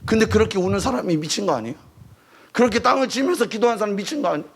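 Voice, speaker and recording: A man preaching his testimony to a youth service, his voice pitched a little high and swinging widely as he tells the story. He acts out the people in his story and climbs into emotional near-shouts at the high points. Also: racing, creaky, husky. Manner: animated storytelling, acting out quoted voices. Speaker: missionary preacher.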